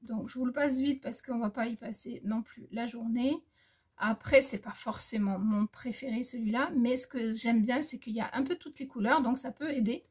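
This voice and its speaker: Woman, gravelly husky voice, casual haul chatter full of hesitations, recorded on a phone. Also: a little high. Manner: hesitant, many fillers and restarts. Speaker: crafting vlogger.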